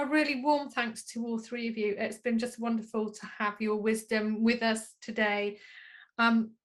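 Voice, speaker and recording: A woman runs an online conference from home, courteously welcoming and thanking each speaker over video call. Her voice is fairly high and a bit bright.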